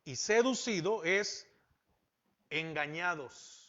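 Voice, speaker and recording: Male pastor, sermon delivery, rhetorical questions, bright forceful tone, lo-fi recording. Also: a little high, lively intonation, takes it slowly. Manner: asks rhetorical questions and repeats key phrases. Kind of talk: Bible-teaching sermon. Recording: dull lo-fi sound.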